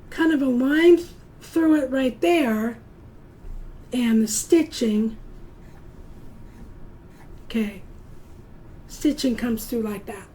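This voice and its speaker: Middle-aged woman, kids' drawing teacher; unhurried, warm encouragement, high-pitched. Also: poor audio. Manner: patient, slow and encouraging, counts aloud. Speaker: art teacher. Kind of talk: step-by-step drawing lesson for children.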